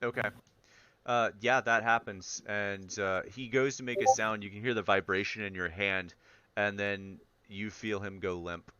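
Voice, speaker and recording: A man improvising narration as game master of a tabletop game, in a halting manner. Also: on the low side, fairly even intonation, bright, forceful tone, clear, resonant tone, no room sound, lo-fi sound.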